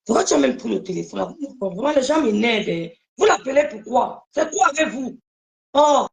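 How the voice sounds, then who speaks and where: Woman, high voice, live-stream host, emphatic, repeats herself, talks straight to viewers. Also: animated, a little fast, vocal fry, a little mellow, low-quality recording. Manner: emphatic, repeats phrases, addresses viewers directly.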